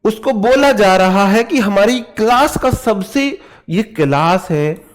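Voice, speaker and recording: A young man with a North Indian Hindi accent teaches an online grammar class. His voice sits a little high and he speaks slowly and unhurriedly, drawing out example words. He teases and mock-scolds his students as he goes. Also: lively intonation. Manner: teasing, jokey, scolds students playfully, drills words slowly.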